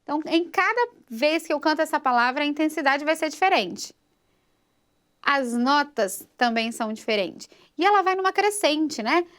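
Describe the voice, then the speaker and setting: A woman's voice: sits high, lively intonation, a bit bright. A woman teaching a singing lesson, patiently explaining phrasing and checking in with her students as she goes. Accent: Brazilian Portuguese. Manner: patient, explains slowly, checks in with "tudo bem?". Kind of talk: vocal lesson with sung examples.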